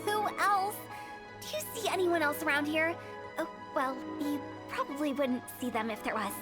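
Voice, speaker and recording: Woman voicing Hu Tao, a high-pitched impish girl. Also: normal speed, natural voice. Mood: playful. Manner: playful, theatrical, breezy about death. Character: mischievous, eccentric teenage girl funeral parlor director. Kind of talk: English game voice acting. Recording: game music playing behind.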